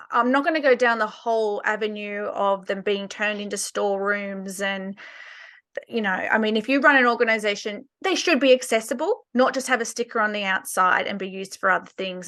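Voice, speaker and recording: A woman's voice: mid-range voice, a bit bright. A woman hosting an interview podcast, asking questions and explaining her points emphatically. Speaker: podcast host.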